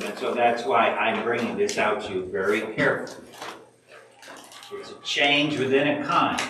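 A man leading a church Bible study class, explaining slowly and deliberately and putting questions to the group. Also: on the high side, background noise. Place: church meeting room. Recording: echoey room, mic far off.

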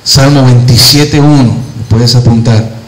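A male pastor preaching a sermon, quoting scripture and telling personal stories, slowing down and speeding up as he goes. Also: medium pitch, steady tone. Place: church hall. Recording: echoey church hall.

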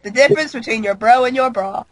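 A woman's voice: a little high, fast, slight background noise, poor audio. A young woman chatting casually while gaming over a call, dropping wry jokes.

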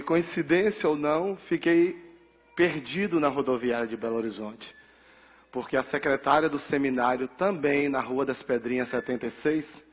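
A middle-aged pastor from Bahia, Brazil, speaks with a Bahian Portuguese accent at a medium pitch as he receives an honorary title in a large council chamber. He tells his life story, acting out the dialogue with lively energy. The sound is dull, with long hall reverb.

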